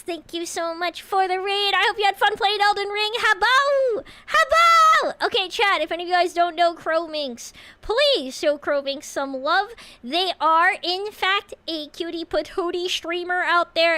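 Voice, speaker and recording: A woman's voice: extremely high pitch, bright, forceful tone, dry recording. A woman livestreaming reactions and chatting to viewers in a cute, bubbly, exclamatory anime-streamer manner. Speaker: streamer reacting to a lore video.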